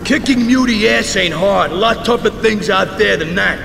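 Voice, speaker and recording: An actor playing a cocky wasteland tough in a video game. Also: male voice, high-pitched, normal speed, vocal fry. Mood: cocky warning. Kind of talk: video game character dialogue. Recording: distant echo with long reverb, music.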